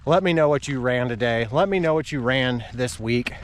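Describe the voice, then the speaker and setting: A man's voice: mid-range voice, normal speed, slight background noise. A man talking casually to his viewers while out running outdoors, recorded on an action camera he carries. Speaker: running vlogger. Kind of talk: casual vlog talk to viewers. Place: outdoors on a country road.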